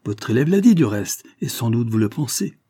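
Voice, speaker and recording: Storybook: man voicing a harsh, scornful old colonel, raised and accusing, husky edge. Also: medium pitch, sing-song, normal speed, mellow, dry recording, clean studio sound. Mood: contemptuous. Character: stern old male colonel, contemptuous and quick to anger.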